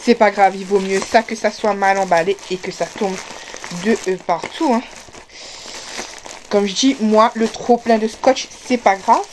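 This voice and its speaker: A woman's voice: medium pitch, steady tone, a little slow, slight background noise. A woman with a Réunion French accent, chatting casually to camera as she unboxes parcels, full of fillers and restarts. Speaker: vlogger.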